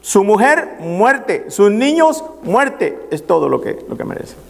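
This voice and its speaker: A male pastor preaches in a halting, repetitive way, pausing often. His voice sits a little high and moves a lot in pitch, with a gravelly edge. It rings out with the long reverb of a church hall. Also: sing-song. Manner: preaching with many pauses and repeated "hermano". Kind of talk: sermon.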